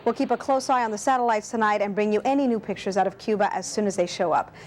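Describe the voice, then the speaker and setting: A woman's voice: mid-range voice, fast talker, slight background noise. A woman newsroom reporter delivering a scripted broadcast news report.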